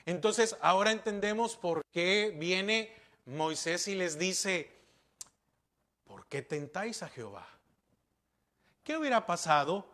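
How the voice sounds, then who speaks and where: A man's voice: high voice, fairly bright tone. A man pastor preaching a sermon, asking rhetorical questions and repeating key words for emphasis.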